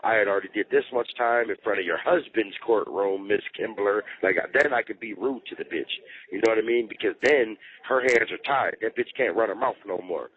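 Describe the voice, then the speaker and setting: A prisoner on a casual phone call explains things over and over, using slang and swear words. His voice is lowish and fairly quick, carried on a tinny jail line.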